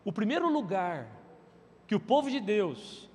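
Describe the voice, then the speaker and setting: A man's voice: high-pitched, big pitch swings, measured pace, darkish tone, in a large hall. A man preaching a sermon as pastor, emphatic, with rhetorical questions to the congregation.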